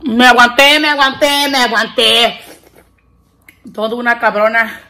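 Slow, tearful young woman vlogger. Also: fairly high pitch, pushed and bright. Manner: switches between Spanish and English; distressed, groaning and exclaiming. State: teary from spicy food. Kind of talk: casual vlog chat.

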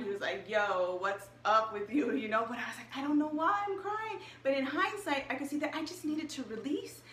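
A bubbly young woman with a high voice talks straight to her viewers in a relaxed, chatty way. She sounds a little distant from the mic, in a roomy space with echo and a faint hiss behind her. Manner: chatty and upbeat, addresses viewers directly. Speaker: health and wellness coach. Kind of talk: casual live-stream chat.

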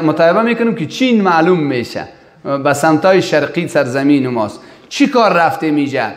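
Man preaching in a reverberant hall. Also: a little high. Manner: animated, rising to emphatic recited Arabic phrases. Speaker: religious teacher. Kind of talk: sermon-style religious lesson.

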